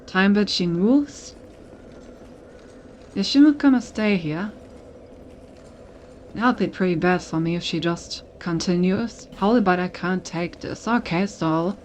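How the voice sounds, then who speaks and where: A woman's voice: fairly low pitch, expressive, slow, long pauses, a little hiss or hum. A woman game streamer giving casual gameplay commentary, thinking aloud as she goes. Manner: thinks aloud, reads on-screen text.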